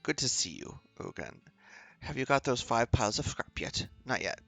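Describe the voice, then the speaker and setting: A man's voice: medium pitch, very animated, normal speed, creaky, a bit bright, dry recording, soft background music, heavily acted. A man reading the lines of an eccentric male professor and inventor, talking in eager explanations.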